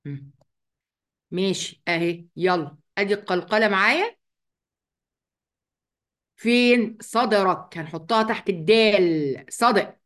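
A woman with an Egyptian Arabic accent teaching a Quran tajweed lesson, patiently asking and answering her own questions and reciting words slowly and drawn out. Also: medium pitch, animated, a bit bright.

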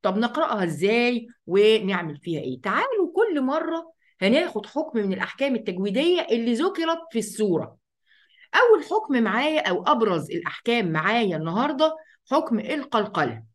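A woman with an Egyptian accent teaching the rules of Quran recitation, chatting casually, asking and answering her own questions and reciting verses slowly. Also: fairly high pitch, big pitch swings. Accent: Egyptian Arabic. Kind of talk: tajweed lesson.

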